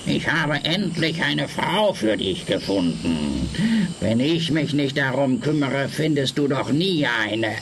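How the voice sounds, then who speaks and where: A man playing a scheming, bossy mother toad in an audio fairy tale, with a creaky croak and a drawl. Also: mid-range voice, very animated, takes it slowly, a little hiss or hum.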